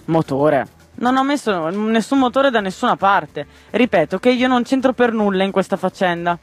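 Man playing a young girl, lively, indignant, high-pitched, storybook, faint music. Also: moderate pace. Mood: defensive. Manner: indignant, excitable. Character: lively young girl, proud and easily offended. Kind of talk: storybook reading.

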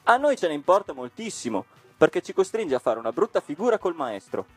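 A man's voice: a little high, big pitch swings, brisk, slightly rough, dry recording, faint music behind, pitched above the performer's own voice. Male reader as threatening schoolboy gang, taunting, storybook. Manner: threatening, scornful. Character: gang of rowdy schoolboy bullies. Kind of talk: storybook reading.

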